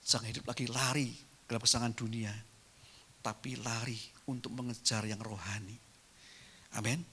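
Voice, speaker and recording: A man's voice: mid-range voice, steady tone, normal speed, pauses often, pushed and bright, a little hiss or hum. A man pastor giving a sermon in church, telling a story animatedly and addressing the congregation directly.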